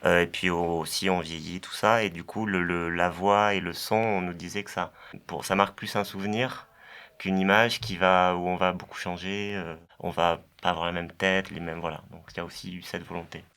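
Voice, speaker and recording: A man's voice: low voice, fairly even intonation, normal speed, fairly bright tone, smooth. A man speaking as a guest on a radio show in a small studio, chatty and often restarting his sentences. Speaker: guest, choir association member. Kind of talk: casual radio interview.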